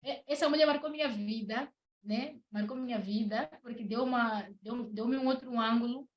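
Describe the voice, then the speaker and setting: A woman's voice: a little high, moderate pace, lo-fi sound. A young woman with a Mozambican Portuguese accent tells a personal testimony as a podcast guest, hesitating and repeating words. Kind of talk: personal testimony in casual talk. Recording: echoey room.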